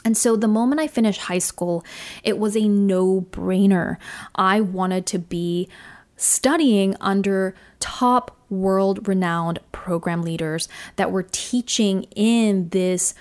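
Speaking slowly in a medium-pitched, darkish voice, a woman reflects earnestly on her personal stories for her solo podcast, her pace shifting often. She was born in Singapore and raised in Australia.

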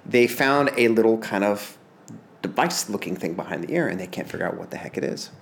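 A man telling a strange story in casual chat, rambling and animated, laughing often and acting out quotes in raised voices. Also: lowish voice, fairly quick.

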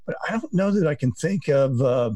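Animated and mellow, a medium-pitched male voice at normal speed tells rambling tales on a casual podcast. He's a middle-aged sports reporter who acts out people's words, recorded dry.

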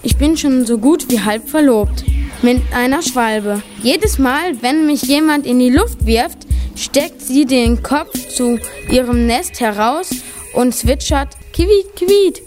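A woman's voice: sits high, takes it slowly, a little mellow. A woman voicing a dainty, haughty female cork ball in a storybook reading, smug and dismissive. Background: music.

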